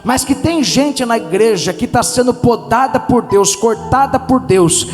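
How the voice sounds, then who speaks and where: A Brazilian man with a Brazilian Portuguese accent preaches a fervent, dramatic Pentecostal sermon in a strikingly high voice. His words ring with the long reverb of a church hall. Soft music plays underneath. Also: expressive, unhurried. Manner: fervent, dramatic preaching that acts out prayers and replies. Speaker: pastor. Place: church service.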